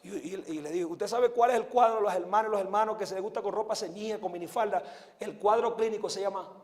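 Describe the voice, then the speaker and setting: Evangelist guy, very high voice, preaching hard, big roomy church hall echo. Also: quick pace. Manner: fervent preaching, swings from soft to shouting; repetitive prayer-leading cadence. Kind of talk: sermon and altar prayer. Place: large church hall before a congregation. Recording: echoey hall with long reverb.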